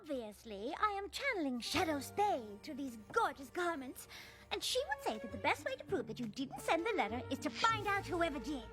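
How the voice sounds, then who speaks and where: A woman's voice: high-pitched, very animated, normal speed, a bit bright, soft background music. An actress voicing a fashionable, theatrical young female pony who plays detective and narrates the story. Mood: dramatic. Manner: theatrical, refined, gushing over fabrics. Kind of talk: cartoon voice acting with narration.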